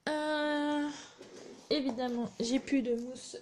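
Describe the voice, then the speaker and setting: A woman's voice: high-pitched, steady tone, slow, a little mellow, slight background noise. A woman, chatting casually while she demonstrates a craft project on a live stream. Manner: chatty, narrates her hands-on work with little asides. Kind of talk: live craft tutorial chat.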